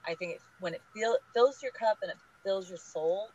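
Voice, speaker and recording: A woman guest on a podcast interview, talking in an energetic, emphatic, advice-giving way. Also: mid-range voice, normal speed, slight background noise. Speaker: guest, small business group leader. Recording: dull lo-fi audio.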